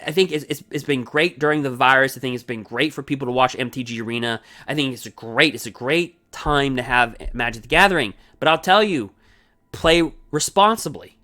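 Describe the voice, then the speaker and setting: A man hosting his own card game channel, talking fast and energetically in a rambling, casual way with many asides. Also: medium pitch, pushed and bright. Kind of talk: casual solo gameplay commentary. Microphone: desk microphone.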